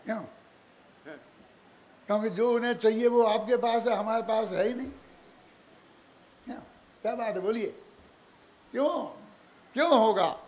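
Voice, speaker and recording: An older man giving a religious discourse, animated, full of rhetorical questions and chuckling asides. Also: high-pitched, measured pace, pauses often. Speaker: preacher.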